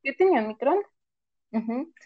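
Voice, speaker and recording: A woman's voice: high-pitched, lively intonation, brisk, narrow, tinny audio. A young woman hosting a casual chat, giggling as she tells stories. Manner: giggly storyteller, quotes herself. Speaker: host.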